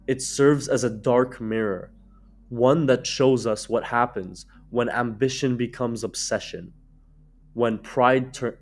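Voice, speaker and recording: A man with a raspy, hoarse voice from being sick, reading a scripted video essay in a measured, reflective way. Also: medium pitch, darkish tone. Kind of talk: scripted narration.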